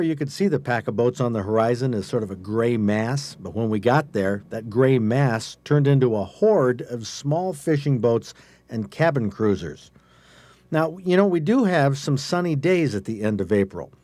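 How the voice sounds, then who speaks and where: A man's voice: mid-range voice, dark tone, dry recording. An American man narrates a scripted outdoor feature as a reporter and host, in a folksy, conversational way.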